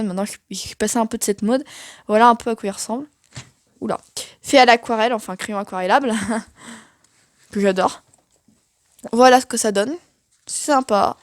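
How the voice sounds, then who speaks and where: A woman's voice: a little high, no echo, clean studio sound. A young woman giving a casual, chatty tour of her sketchbook, self-mocking and full of fillers. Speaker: art vlogger.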